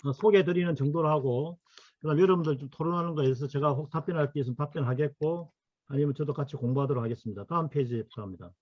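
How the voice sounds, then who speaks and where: A middle-aged man lectures on regional history, his voice sitting a bit high for a man. He pauses often with fillers as he works through his slides. The sound is dry and somewhat muffled. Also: no echo. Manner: halting, full of fillers, asks for next slide. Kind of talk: academic lecture to workshop attendees.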